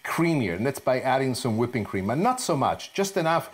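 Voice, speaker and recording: Middle-aged man, expressive TV chef. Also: mid-range voice, a little fast. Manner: expressive, explains each step with rhetorical questions. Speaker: TV chef host. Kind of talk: cooking show presentation. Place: home kitchen, indoors.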